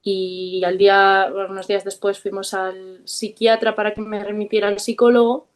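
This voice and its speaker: A woman with a Spain Spanish accent tells her own story as an interview guest. She speaks frankly and reflectively. She often pauses and hesitates softly as she works through the memory. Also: mid-range voice, little pitch movement. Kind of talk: candid personal storytelling.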